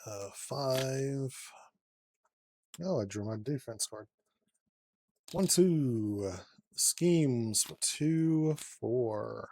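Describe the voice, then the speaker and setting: A mid-range male voice, carrying a little hiss or hum, narrates a solo tabletop card game in a relaxed way. The player, who hosts the channel, counts cards quietly to himself and swears freely as he goes.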